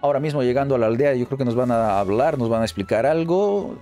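Excitable man commentating gameplay. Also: mid-range voice. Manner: excitable, chatty, repeats phrases rapidly in bursts. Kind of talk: let's play commentary. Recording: faint game music underneath.

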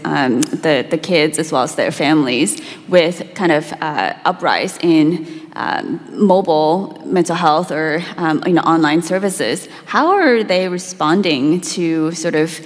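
A woman with a very low voice poses a question on a conference panel. She hedges and qualifies as she goes. Her voice rings with the long reverb of a large hall. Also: a little slow. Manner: tentative, hedging.

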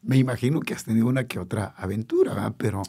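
A man with a gravelly, very raspy voice at a middle pitch. He hosts a casual interview and asks his questions in a friendly, informal way. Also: expressive, quick pace, dark tone. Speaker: interview host.

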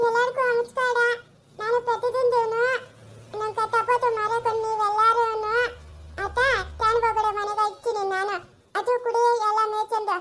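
A woman voicing a silly, simple little boy who chatters in a squeaky voice. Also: level tone, moderate pace, a bit bright. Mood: chirpy. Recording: noisy home recording.

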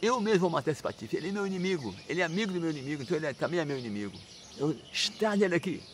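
A man's voice: on the high side, very animated, racing, a little hiss or hum, pitched above the performer's own voice. A man voicing an angry demon king father who threatens his devout son, in a spoken religious storytelling. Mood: furious. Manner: indignant, threatening.

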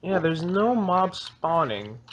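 A man's voice: high voice, very animated, takes it slowly. A teenage boy hosting a casual game session with a friend, chatting, joking and asking viewers for likes. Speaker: gaming channel host.

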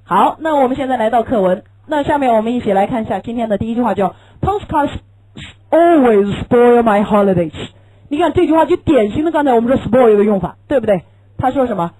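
In a rough recording, a woman with a high-leaning, mellow, expressive voice lectures very rapidly in an English class. Chinese is her first language, and she patiently walks through points, raising rhetorical questions and repeating important phrases.

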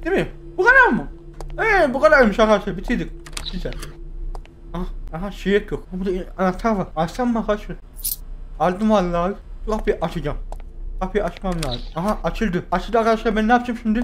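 A man commentating a horror game for his viewers, chatting to them and yelping and shouting when frightened. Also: high-pitched, a little hiss or hum. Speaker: gaming YouTuber.

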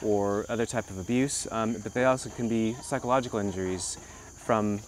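Low-voiced man talking outdoors, insects behind. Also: steady tone, a little fast, a little hiss or hum. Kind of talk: unscripted talk to camera. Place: outdoors at an animal sanctuary.

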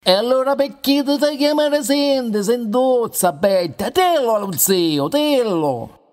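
A man's voice: very high-pitched, animated, darkish tone. A man playing a mocking talking confessional. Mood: teasing. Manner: teasing, dialect-flavored, drawn-out. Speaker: actor.

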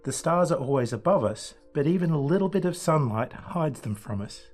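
A man's voice: a little high, expressive, normal speed, a little mellow, soft background music. A man speaking as an astronomer and guest guide, giving a scripted, explanatory planetarium narration.

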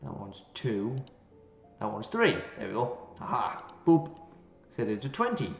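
A man's voice: medium pitch, big pitch swings, a little slow, vocal fry. Playful man commenting on a game. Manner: playful, reads game text aloud, jokey asides. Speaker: gaming channel host. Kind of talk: let's play commentary. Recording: roomy, slightly dull, game music behind.

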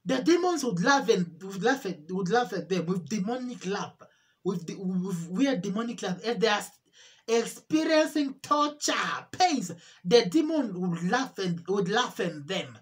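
A woman giving an emotional religious testimony, repeating herself and pleading, her voice rising into cries and halting with restarts. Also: mid-range voice, sing-song. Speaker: testimony speaker.

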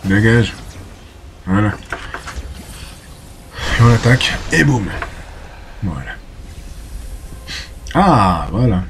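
A man's voice: fairly low pitch, big pitch swings, extremely slow, long pauses, slight background noise. A man giving casual let's play commentary, chatty and talking to himself, exclaiming and cursing as he fights. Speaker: gameplay commentator.

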